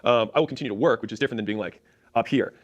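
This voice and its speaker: A man telling his own story in an animated, chatty way, with quick self-mocking asides. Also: mid-range voice, lo-fi sound.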